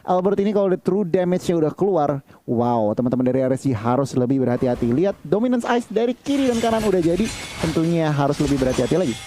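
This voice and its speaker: Indonesian guy breaking down a game live, high but soft dark tone, asks himself questions. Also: very animated, quick pace, a little hiss or hum. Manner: explanatory, asks rhetorical questions. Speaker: esports analyst commentator. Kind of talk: live game analysis commentary.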